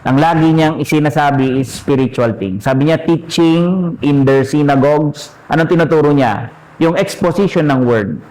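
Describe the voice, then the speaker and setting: A man's voice: on the high side, normal speed, darkish tone, rough recording. A man preaching a sermon in a conversational teaching manner, often asking the listeners questions.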